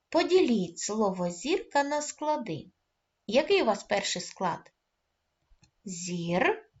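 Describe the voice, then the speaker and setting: A woman teaching a first-grade reading lesson, coaxing the children and praising them often, calling out words loudly and stretching their syllables. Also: medium pitch, highs cut off. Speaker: primary school teacher.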